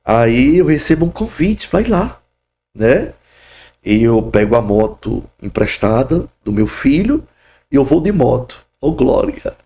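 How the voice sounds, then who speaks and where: Gravelly, fervent middle-aged pastor. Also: male voice, mid-range voice, sing-song, a little slow, warm tone. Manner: fervent, bursts of "glória" and "aleluia". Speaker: pastor, podcast guest. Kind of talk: testimony in a podcast interview.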